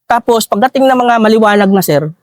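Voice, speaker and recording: A man's voice: high voice, animated, brisk, no room sound, clean studio sound. A man, a soldier, telling a war story in an interview, deferentially adding "sir" after nearly every phrase. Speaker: soldier recounting a rescue operation.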